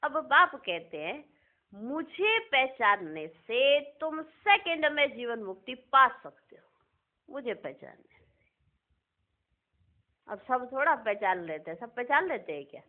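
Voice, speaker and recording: A woman's voice: fairly high pitch, sing-song, a little slow, long pauses. A woman giving a devotional sermon, asking and answering her own questions and repeating key phrases for emphasis. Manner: addresses listeners fondly as children. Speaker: spiritual teacher reading and explaining a discourse. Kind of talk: devotional sermon, reading and explaining. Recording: tinny phone-like audio.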